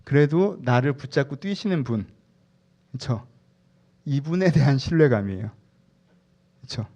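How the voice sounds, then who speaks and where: Man, pastor, sermon, lively storytelling, mid-range pitch, acts out voices. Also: measured pace. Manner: animated storytelling, acts out inner voices loudly.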